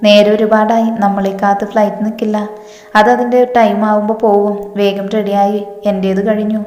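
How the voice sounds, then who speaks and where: A woman's voice: mid-range voice, little pitch movement, moderate pace, darkish tone, close to an everyday voice. A woman voicing an anxious, bossy young man who is a loyal friend, speaking impatiently, in a roomy echo with long reverb. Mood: pressing.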